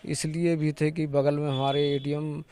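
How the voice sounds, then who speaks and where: A man's voice: a little high, flat delivery, measured pace, mellow, smooth. A man, answering informally as a government officer being interviewed. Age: 50s.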